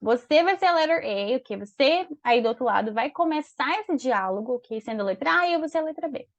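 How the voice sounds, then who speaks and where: Woman, from Brazil, English teacher, high voice, dry muffled lo-fi sound. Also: lively intonation, no room sound. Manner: explains in Portuguese, reads English lines slowly and clearly. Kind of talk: online English lesson with dialogue practice.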